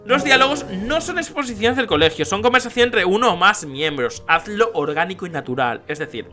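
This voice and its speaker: A man's voice: sits high, animated, fairly quick, sharp tone, faint music behind. A man giving casual advice on writing dialogue, chatty and informal, often checking in with "¿vale?". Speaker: YouTube writing-advice creator. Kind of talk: casual tutorial talk.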